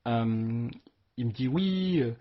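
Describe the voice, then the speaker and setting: A man from the Paris region hosting a podcast interview, chatting in a relaxed, conversational way. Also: medium pitch, slow pace, dull audio. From Paris region, France. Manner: relaxed, chatty, frequent "tu vois". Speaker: podcast host. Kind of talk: casual interview chat.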